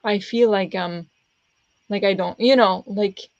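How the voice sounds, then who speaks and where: Hosting reading sprints on a book stream, a woman rambles to her viewers, full of fillers and restarts. Her medium-pitched voice is pressed and quick to go raspy, steady in tone and a little slow. The lo-fi audio is dull with no echo.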